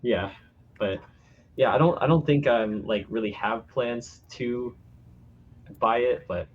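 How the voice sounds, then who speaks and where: A man's voice: medium pitch, takes it slowly, breathy edge. A man chatting casually on a podcast in a hesitant, noncommittal way, often trailing off. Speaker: podcast panelist. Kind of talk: casual chat. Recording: dull lo-fi voice chat.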